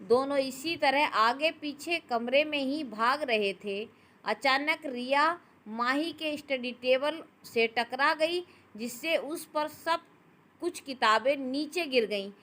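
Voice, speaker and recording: A woman storyteller reading a family drama in calm, steady scripted narration. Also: high-pitched, slow pace.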